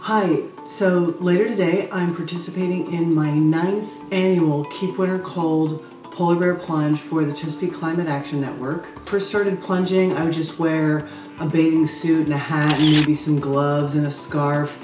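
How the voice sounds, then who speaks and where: A woman's voice: deep voice, steady tone, a little slow, far from the mic, music in the background. A middle-aged American woman talking casually to the camera as a vlogger. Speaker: vlogger and charity plunge participant. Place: living room at home. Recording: echoey room, off the mic.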